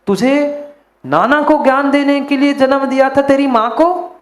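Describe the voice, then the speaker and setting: A man's voice: very high voice, unhurried, echoey room, voice pushed up. A man voicing a proud, scornful older male ascetic who scolds indignantly.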